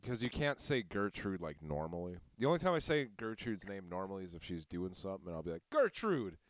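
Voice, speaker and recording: A man's voice: low voice, expressive, fast, no room sound. A man casually co-hosting a podcast, rambling and teasing with plenty of swearing. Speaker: podcast co-host. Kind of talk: casual chat.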